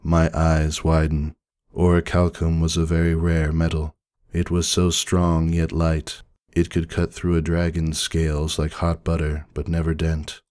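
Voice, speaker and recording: A man reads fan fiction aloud in a very deep, flat voice, measured and deadpan. The sound is dry and close, with faint music beneath. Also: clean tone, dry recording. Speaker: narrator. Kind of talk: dramatic reading of fan fiction.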